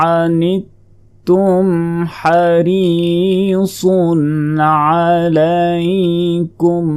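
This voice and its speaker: A man teaching Quran reading, spelling out letters and vowel marks one by one, then chanting each word in a long, drawn-out melody. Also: medium pitch, warm tone. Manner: slow measured spelling with drawn-out melodic recitation. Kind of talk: spelling out and reciting Arabic verses.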